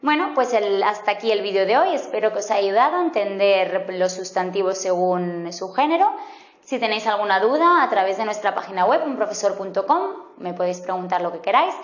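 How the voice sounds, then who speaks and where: Female teacher, patient explanatory delivery, mid pitch, roomy slightly muffled recording. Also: animated. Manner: patient, spells out example words slowly. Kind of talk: explanatory grammar lesson. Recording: roomy, slightly dull sound.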